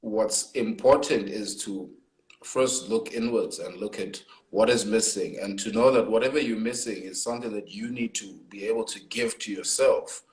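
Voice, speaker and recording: A man's voice: on the low side, moderate pace, reverberant, poor audio. A South African man, a hip hop artist, talking thoughtfully in a casual interview over a video call. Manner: reflective, thoughtful, many fillers. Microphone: laptop or phone on a video call.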